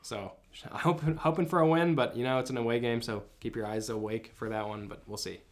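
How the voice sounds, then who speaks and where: A man's voice: mid-range voice, steady tone, a little fast. A man in his twenties hosting a sports podcast, easygoing, laughing along and moving the segments along. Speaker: podcast host. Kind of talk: casual sports chat.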